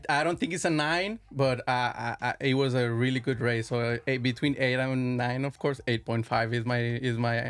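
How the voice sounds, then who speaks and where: A man's voice: medium pitch, steady tone, moderate pace, hardly any pauses, fairly bright tone, clean tone, no echo. A man co-hosting a podcast in casual chat, hesitant and stammering, with slightly non-native phrasing. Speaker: podcast co-host.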